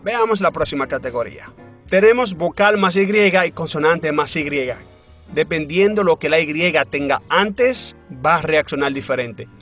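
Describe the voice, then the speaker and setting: A man's voice: a little high, lively intonation, a bit bright, soft background music. A man teaching a grammar lesson in a scripted voice-over, explaining step by step and often asking questions before answering them. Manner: slow, deliberate explaining with rising questions. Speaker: English teacher.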